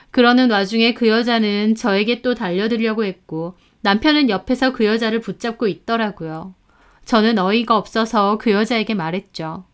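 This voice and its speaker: Smooth-voiced woman narrating a story. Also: on the high side.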